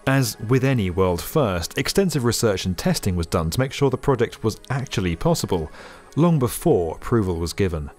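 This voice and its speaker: A man narrating a scripted documentary in a lively, upbeat explainer manner. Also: fairly low pitch, moderate pace. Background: faint background music.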